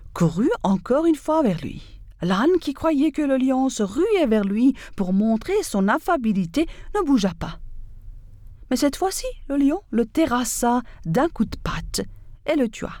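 A woman narrating a fable in a measured, expressive storytelling manner. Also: fairly high pitch, dry recording.

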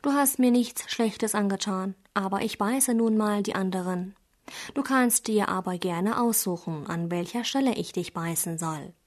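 A woman's voice: medium pitch, moderate pace, close to an everyday voice. Brief: a sly, ruthless snake from a storybook, voiced plainly by a woman reader, no heavy character voice. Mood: matter-of-fact. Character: sly trapped snake, pleading then ruthless.

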